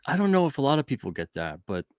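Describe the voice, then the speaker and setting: A man's voice: medium pitch, sing-song, fast, clear, resonant tone, dry recording, studio quality. A man from New York hosting a podcast, talking in an easygoing, agreeable way. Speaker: podcast host. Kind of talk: casual podcast chat.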